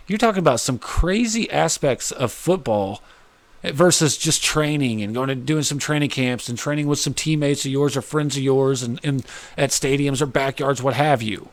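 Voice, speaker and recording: A man's voice: medium pitch, no echo. A man co-hosting a podcast, chatting casually about football and chiming in with agreement. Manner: animated, chimes in with agreement. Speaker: podcast co-host. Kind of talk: casual chat.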